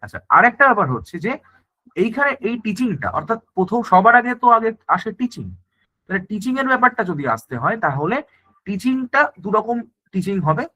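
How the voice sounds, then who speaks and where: Fast, bright-voiced male teacher. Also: high voice, very animated. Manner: explains in mixed Bengali and English, repeats "thik ache" often. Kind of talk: exam-prep lecture. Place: online class.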